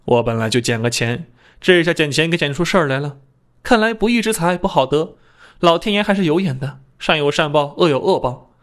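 Lively male novel narrator, fairly high voice. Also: a little fast. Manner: lively comic storytelling, jumps higher for his own quoted lines. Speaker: audiobook narrator. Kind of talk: first-person novel narration.

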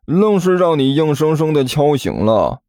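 A man's voice: fairly high pitch, big pitch swings, a little slow, mellow, no echo, clean studio sound, pitched above the performer's own voice. A male narrator voicing a meek young male apprentice who stammers and answers hesitantly in an audiobook story. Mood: annoyed.

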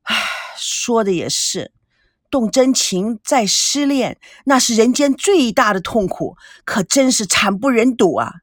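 A woman's voice: on the high side, lively intonation, measured pace, no room sound, studio quality. Woman doing a cheeky playful young man. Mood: wistful. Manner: joking, cheeky, sometimes sighing.

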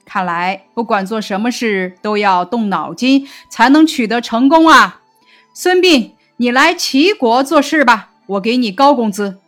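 A sheepish yet generous ancient king, talking quickly and a little softly, as a woman reads him in a story lesson. The voice sits fairly high. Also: lively intonation, faint music behind.

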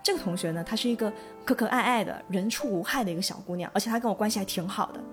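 A woman co-hosting a casual podcast, telling a childhood story in a lively way and laughing often. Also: mid-range voice, very fast, over music. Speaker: podcast co-host.

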